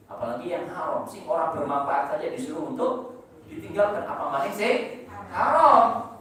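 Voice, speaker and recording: Man, preacher, questions the listeners, faint room hum. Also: high voice. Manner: chanting Arabic phrases, then explaining with rhetorical questions. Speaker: religious teacher. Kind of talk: mosque sermon. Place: mosque hall. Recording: echoey mosque hall from far off.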